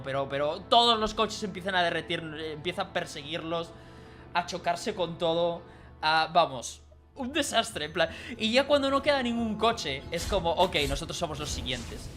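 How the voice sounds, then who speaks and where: Rambling storyteller. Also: medium pitch. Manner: animated, rambling, drops to quiet asides. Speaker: streamer. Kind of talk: casual storytelling of a dream.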